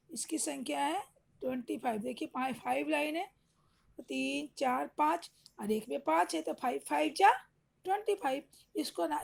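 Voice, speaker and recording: A woman's voice: high-pitched, creaky, a little mellow. A woman teacher giving an online grammar lesson to young children, patiently explaining step by step and answering her own questions.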